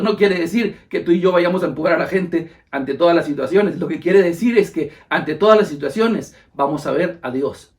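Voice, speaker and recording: A man preaching with fervor, repeating phrases for emphasis and calling the listener brother. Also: on the high side.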